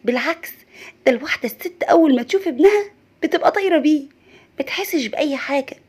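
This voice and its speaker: A woman's voice: high voice, lively intonation, fast, a little mellow. A woman with an Egyptian accent voicing a bossy, scolding older mother-in-law. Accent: Egyptian Arabic. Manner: harsh, nagging.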